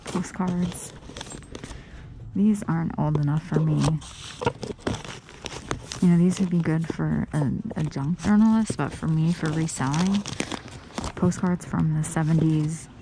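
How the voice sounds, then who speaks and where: A woman tours an old house at an auction, chatting to her body-worn action camera as a vintage paper reseller in a casual walk-through vlog. She gushes over finds with chatty exclamations and sometimes whispers while reading. Her low voice is steady and a little slow, with long pauses against a noisy background.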